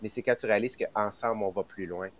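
A man's voice: fairly low pitch, quick pace. A man on a podcast, agreeing earnestly and building on what others say, sometimes repeating words as he goes. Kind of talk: casual podcast chat.

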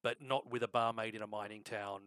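A man co-hosts a casual recap with dry, teasing humor and the odd curse. His voice is bright, recorded close and dry. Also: fairly low pitch, steady tone, fairly quick, dry recording. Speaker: podcast co-host, longtime fan.

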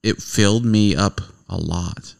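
A man's voice: on the low side, a little slow, gravelly. A middle-aged man co-hosting a podcast, chatting casually and teasing his co-host. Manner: playful, teasing banter. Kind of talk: casual chat.

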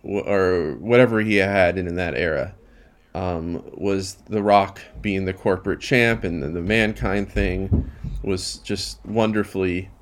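A man's voice: sits low, unhurried. A man co-hosting a casual wrestling podcast, giving opinions with hesitant restarts. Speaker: podcast co-host.

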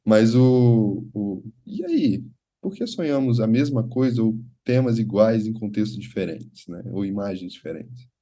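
Brazilian man, podcast co-host, mellow warm voice, ironic jokes, casual chat. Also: on the low side, animated, a little slow, husky. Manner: joking, ironic asides.

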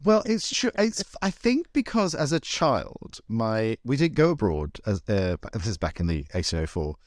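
A man's voice: on the low side, very animated, normal speed, dry recording, studio quality. A man hosting a casual chat in a camp, wry, rambling and self-deprecating way. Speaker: host. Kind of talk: casual, chatty podcast conversation.

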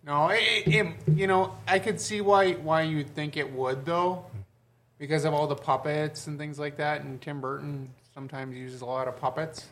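A man's voice: fairly high pitch, fairly even intonation. A man co-hosting a casual movie chat in a studio, often throwing questions to the group. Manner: quick to ask the group questions. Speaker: podcast co-host.

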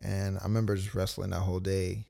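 A man's voice: sits low, flat delivery, quick pace, gravelly, warm tone. A young man casually telling a personal story as a podcast co-host, loose and full of quoted asides. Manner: laid-back, storytelling with many "like"s and quoted asides.

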